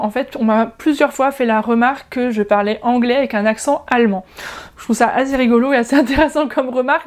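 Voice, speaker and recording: A woman from France in her thirties, talking casually to camera in a vlog with frequent pauses and restarts. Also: a little high, a little mellow. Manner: chatty, many hesitations and restarts. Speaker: language-learning YouTuber.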